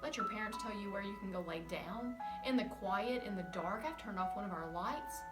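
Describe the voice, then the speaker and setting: A woman kindergarten teacher speaking from home to young children, gentle and encouraging, in a remote lesson. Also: mid-range voice, brisk, distant mic. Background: soft music.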